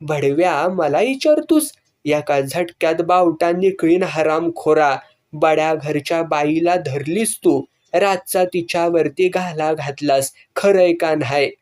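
A reader voicing a hot-tempered, rough male hunter who scolds in coarse village speech. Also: mid-range voice, slow, a little mellow, lightly acted. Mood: angry.

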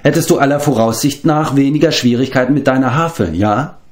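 A man reading aloud and voicing a spirited, proud young girl with a sharp tongue. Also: mid-range voice, pitched above the performer's own voice, close to an everyday voice. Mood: indignant. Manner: indignant, quick, sharp-tongued. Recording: roomy echo.

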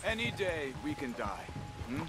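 An actor playing a steady, calm outlaw companion in video game dialogue, speaking in a measured, earnest way. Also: male voice, a little high, heavy background noise. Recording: game audio under loud rain and hoofbeats.

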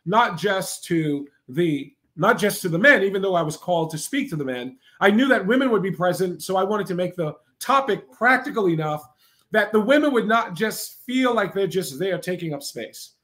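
Male preacher, high-pitched, emphatic and repetitive, constantly checking in with the audience. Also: expressive, normal speed, fairly bright tone. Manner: emphatic, repetitive cadence with frequent "right?" asides. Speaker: preacher and broadcast host. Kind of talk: preaching to a live online audience.

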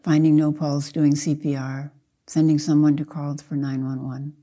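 Low-voiced and flat in delivery, an older woman leads a guided meditation as a Zen teacher. She speaks gently and softly, in short, measured phrases with long pauses.

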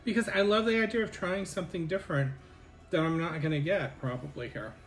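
A man's voice: a little high, a little fast, faint music behind. A man hosting a casual snack unboxing, chatting candidly about the cost of the box. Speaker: channel host.

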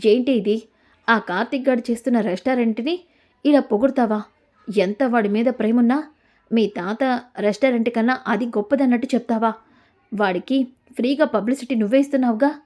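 A woman voicing a sharp-tongued, suspicious old grandmother who interrogates in a demanding way. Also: on the high side, brisk, pauses often, natural voice. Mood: scolding.

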